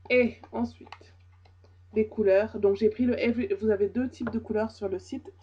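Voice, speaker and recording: A woman's voice: fairly high pitch, fairly even intonation, normal speed, warm tone, slightly rough. A young woman chatting casually to camera as a beauty vlogger, hesitant with many fillers and repeats. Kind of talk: casual makeup review. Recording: dull lo-fi camera audio.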